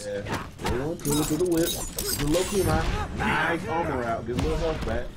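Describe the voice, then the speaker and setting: A man giving excited live fighting game commentary in a slangy, exclaiming manner. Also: on the high side, moderate pace, very noisy. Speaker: esports tournament commentator. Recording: loud game music behind voice. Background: loud game music.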